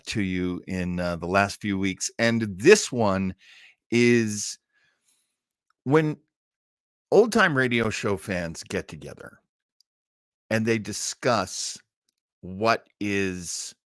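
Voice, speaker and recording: A man hosts a casual, chatty livestream of old-time radio shows, rambling and easily getting sidetracked. His voice is on the low side, fairly bright and smooth, recorded clean in a studio with no room sound.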